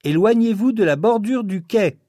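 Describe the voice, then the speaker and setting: A woman playing a formal train station announcer, reading a measured scripted announcement over the intercom. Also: mid-range voice, lively intonation, mellow, dry recording, studio quality, close to an everyday voice. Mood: formal, neutral.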